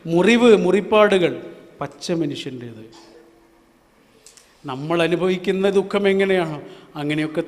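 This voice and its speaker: A man preaching an Islamic sermon, asking rhetorical questions, chanting verses slowly, and swinging from loud to hushed. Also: high-pitched. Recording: long hall reverb.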